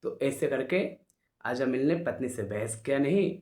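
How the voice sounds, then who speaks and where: A male preacher tells a devotional story in a conversational style, slipping into the characters' voices. His mid-pitched voice carries a roomy echo. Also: expressive, moderate pace, darkish tone. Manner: conversational, acts out dialogue. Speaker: religious storyteller.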